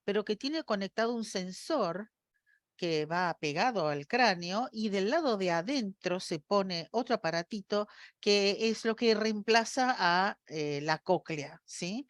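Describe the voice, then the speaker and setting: A woman gives an academic lecture in a steady, explanatory way. She often pauses to check that her listeners follow. Her voice sounds close and dry, with no room echo. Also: mid-range voice. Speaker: university lecturer.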